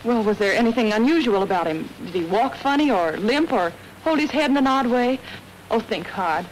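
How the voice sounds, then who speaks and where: A plucky young heroine detective, played by a woman, brisk and coaxing in 1930s screen style. Her voice sits high, and a faint hiss runs under the old film sound. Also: lively intonation, lightly acted, low-quality recording. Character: plucky young woman sleuth, bossy and quick.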